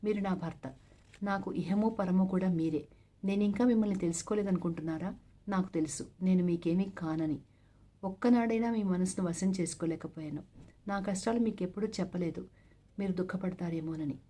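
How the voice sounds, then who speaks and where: A woman's voice: medium pitch, steady tone, a little fast, warm tone, lightly acted. A woman reading as a pleading young wife. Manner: pleading, earnest.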